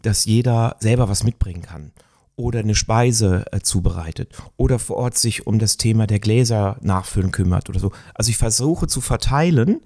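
A middle-aged man talking reflectively in a conversation, searching for words and often pausing with fillers. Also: medium pitch, a little mellow, no echo, studio quality. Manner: thoughtful, searching, with many fillers.

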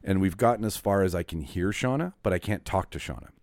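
A man hosting a casual podcast chat, a little hungover, talking in a halting, rambling, jokey way. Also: deep voice, darkish tone, dry recording, studio quality. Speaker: podcast host.

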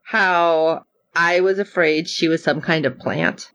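A woman's voice: low voice, slow pace, fairly bright tone. A woman co-hosting a podcast, recapping a TV episode in casual chat and acting out her own reactions. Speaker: podcast co-host.

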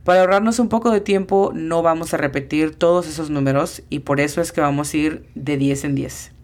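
A woman's voice: low voice, a little fast, darkish tone. A woman teaching an English lesson in a podcast, patiently spelling out pronunciations letter by letter.

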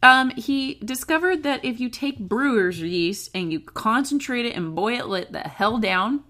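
A woman's voice: fairly high pitch, lively intonation, a little slow, sharp tone. Chatty woman podcast co-host. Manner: laughs often, chatty and joking; explains food history from notes. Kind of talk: casual chat.

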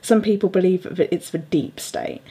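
A woman's voice: fairly low pitch, normal speed, dark tone, husky. A young adult woman hosting a podcast, chatting casually with plenty of fillers and frequent laughter. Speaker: podcast host.

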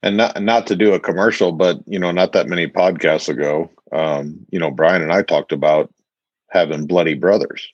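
Low-voiced man, earnest podcast talk. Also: moderate pace, dry recording, highs cut off. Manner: earnest, conversational, many fillers. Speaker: podcast co-host. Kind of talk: podcast conversation.

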